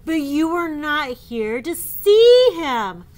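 A gloomy big elephant wails his sorrows loudly in a storybook read-aloud, as a woman puts him on. The voice sits high and draws every word out slowly. His manner is mournful and loud. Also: big pitch swings, full character voice. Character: sad gloomy male elephant, big and slow.

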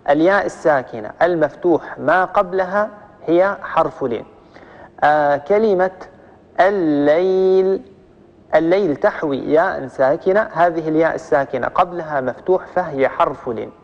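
A man's voice: on the high side, in a large hall, dull audio. Methodical Libyan male tajweed teacher. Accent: Libyan Arabic. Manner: methodical, repeats rules, stretches example words. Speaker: Quran recitation teacher. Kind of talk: religious lesson on tajweed.

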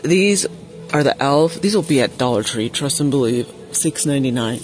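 A woman filming a shop-with-me vlog in a large store on a handheld phone, chatting excitably and reading prices aloud. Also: extremely low pitch, moderate pace, faint music behind. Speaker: vlogger. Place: large indoor retail store. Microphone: handheld phone camera.

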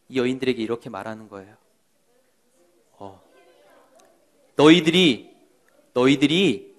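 A man serving as children's pastor, telling a Bible story to children in an animated way and asking them questions. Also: high-pitched. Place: church.

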